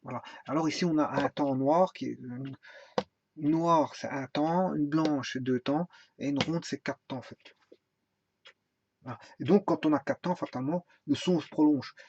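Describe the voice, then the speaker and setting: A man giving an informal music theory lesson, hesitant, with many fillers and restarts, now and then singing a phrase slowly. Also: a little high, a little mellow, slightly rough. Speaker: music teacher. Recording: dry, dull lo-fi sound.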